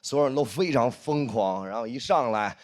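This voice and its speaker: A man performing a stand-up comedy set, telling a story in an animated way and acting out the dialogue. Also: medium pitch, moderate pace, background noise. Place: stage in front of a live audience.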